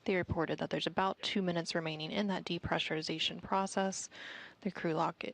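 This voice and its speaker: Lady doing live mission control commentary, bit low, lots of vocal fry, measured and formal. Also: fairly even intonation, a bit bright.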